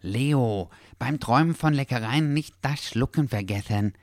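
A man voicing a prim, sharp male dachshund in a storybook reading, with a raised, eager, lecturing manner. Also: mid-range voice, unhurried, no echo, clean studio sound, pitched above the performer's own voice, lightly acted. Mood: teasing.

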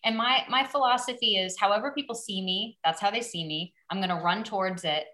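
A woman in her thirties with a medium-pitched voice speaks a little fast as a guest actor on a podcast. In casual chat she tells stories as an animated storyteller, acting out quotes and laughing at herself.

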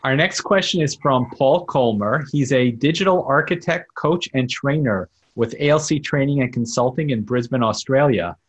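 Male show host, husky, brief formal introductions. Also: medium pitch, moderate pace, few pauses, muffled recording. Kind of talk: introducing callers.

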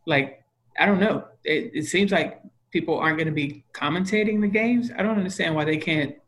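Musing man, slightly higher voice. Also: a little fast, fairly bright tone. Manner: musing, hesitant, many fillers and restarts. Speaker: podcast co-host. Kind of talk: casual sports chat.

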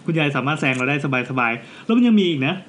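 A man's voice: fairly high pitch, sing-song, a bit bright. A man co-hosting a casual podcast, joking around while he recounts urban legends. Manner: jokey, playful, puts on quick spooky voices. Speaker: podcast co-host. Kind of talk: casual ghost-story chat.

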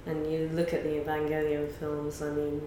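A woman who works in animation, talking in a measured, thoughtful way in a casual chat. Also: sits low, completely flat delivery, warm tone. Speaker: animation industry guest. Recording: roomy echo, faint noise.

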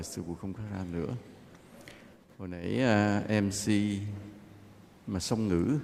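A man, a Buddhist monk, giving a relaxed, conversational dharma talk with gentle jokes. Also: on the low side, creaky, a little hiss or hum. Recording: long hall reverb, faint ambience.

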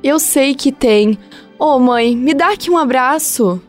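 Casting: excitable Brazilian daughter in a radio soap, high and bouncy voice, curious, full of exclamations. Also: female voice, measured pace, faint music behind. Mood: amused, curious. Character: eager, excitable young daughter hearing family stories. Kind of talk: radio soap opera acting.

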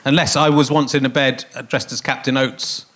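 On a theatre stage, a middle-aged podcast host battling a snotty cold keeps a comic live show going in a mid-range, steady voice that's brisk and fairly bright. His delivery is rambling and self-mocking, packed with fillers.

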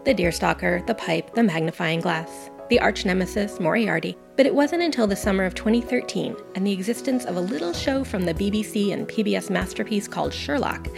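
A woman reads her own essay aloud with earnest, enthusiastic warmth for her subject. Her voice carries a gravelly fry at the ends of phrases. Music plays clearly underneath her the whole time. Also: mid-range voice, lively intonation, a little fast, few pauses. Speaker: guest podcaster. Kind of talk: reading a personal essay. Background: background music.

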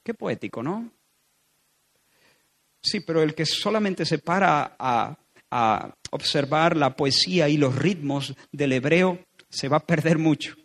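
A man from preaching a sermon, building from quiet storytelling to loud, emphatic repetition. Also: on the high side, expressive, unhurried.

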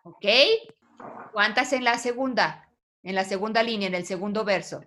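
A woman's voice: mid-range voice, moderate pace, fairly bright tone. A woman teaching a poetry class online, patiently quizzing her students. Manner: patient, asks the class questions.

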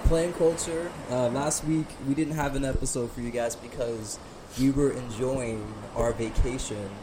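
A man co-hosting a casual podcast, telling stories in an animated, exaggerated way. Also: mid-range voice, normal speed. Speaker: podcast co-host. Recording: crowd noise behind.

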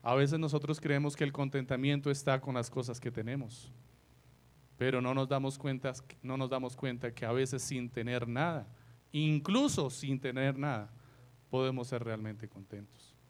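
A man preaching a sermon who asks his listeners rhetorical questions, slows down to repeat key lines for emphasis, and swings between soft remarks and loud, emphatic phrases. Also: mid-range voice.

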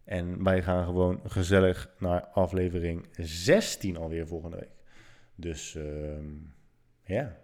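A man in his thirties hosting a live stream, telling stories in a casual, animated way, swearing and joking at his own expense. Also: low voice, slow pace. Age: 30s. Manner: animated, swearing, self-mocking. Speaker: livestream host. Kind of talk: casual storytelling monologue.

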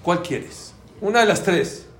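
A man teaching a Talmud class to a live audience, lively and quizzing listeners with questions. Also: high voice, slow pace, a little hiss or hum. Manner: animated, asks the audience questions. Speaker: Torah teacher. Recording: roomy room with faint ambience.

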